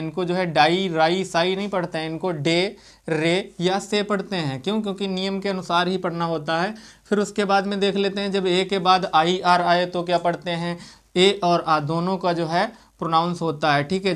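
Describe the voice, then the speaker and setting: A man's voice: high voice, clean tone. A man teaching English pronunciation in an explanatory lesson. He spells words out letter by letter, asks himself rhetorical questions and keeps checking in with the class. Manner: keeps repeating "theek hai" to check in.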